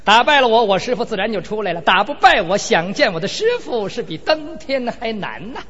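A proud, defiant young female fighter from a storyteller's tale, played by a man, high and lively in pitch. The recording is dull and lo-fi with a long hall reverb. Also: fairly quick, husky, exaggerated voice. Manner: proud, challenging.

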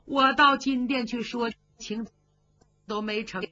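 A woman voicing a grieving old noblewoman who wails and pleads in long, drawn-out cries. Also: on the high side, fairly even intonation, bright, forceful tone, soft background music, exaggerated voice. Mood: anxious. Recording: dull lo-fi recording.

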